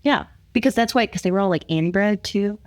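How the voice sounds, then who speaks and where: A woman co-hosting a drink tasting, chatting in a casual, rambling, jokey way with animated reactions. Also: mid-range voice, moderate pace. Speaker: host of a drink taste test. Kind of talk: casual unscripted banter while tasting drinks.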